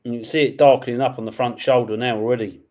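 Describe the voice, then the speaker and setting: A man's voice: mid-range voice, fairly even intonation. Man hosting a koi auction. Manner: brisk, counts down bids loudly. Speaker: auction host. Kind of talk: live-stream auction chat.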